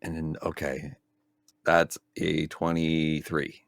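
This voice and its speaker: A man's voice: very deep voice, level tone, slow pace, gravelly, no room sound. A man playing in a tabletop game, loose and playful, often chuckling. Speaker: player.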